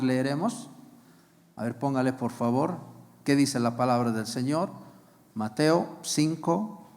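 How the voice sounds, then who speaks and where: A man's voice: mid-range voice, a little mellow. A man preaching a sermon as pastor, asking rhetorical questions and repeating key phrases. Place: church hall. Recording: long reverb of a church hall.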